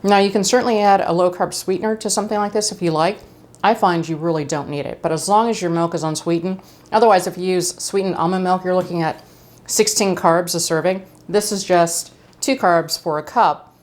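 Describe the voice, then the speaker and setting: Chatty woman with a lowish voice. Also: a little fast. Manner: chatty, friendly, with fillers and asides. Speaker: cooking channel host. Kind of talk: casual cooking demonstration. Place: home kitchen.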